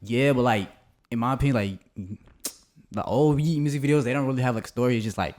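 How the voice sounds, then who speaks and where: Man, mid-pitched voice, rambling, unsure, casual podcast chat. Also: quick pace, a little mellow. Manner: unsure, rambling, many fillers.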